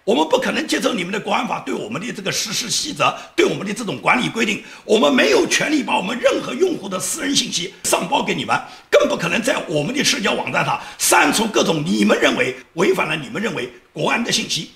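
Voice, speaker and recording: Male commentator, fast, scornful, sarcastic; high voice with a gravelly edge; echoey room. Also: big pitch swings, fairly bright tone. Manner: laughs mid-sentence while talking. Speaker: political commentator. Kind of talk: political commentary monologue.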